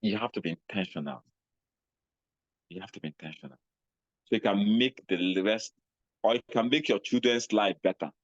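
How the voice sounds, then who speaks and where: A man with a Nigerian accent giving a motivational talk, animated, acting out little scenes in a raised voice. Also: lowish voice, moderate pace, long pauses, no room sound, highs cut off. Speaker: speaker on personal finance.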